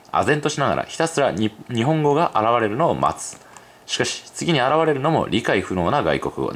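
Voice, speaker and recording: A man with a lowish voice reads an article aloud at a quick clip, his pitch rising and falling a lot. When he steps away from the text, he thinks out loud and his talk fills with hesitations and small fillers. It sounds like a casual commentary on a personal channel. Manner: reads at a brisk clip, then muses aloud with many fillers. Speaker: YouTube commentator. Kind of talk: reading an online article aloud with spoken asides.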